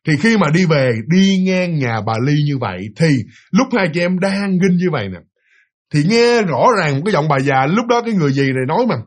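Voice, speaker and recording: Southern vietnamese guy telling a ghost story, high voice, rambles and repeats a lot. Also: animated, brisk. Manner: rambling, repetitive, addresses listeners.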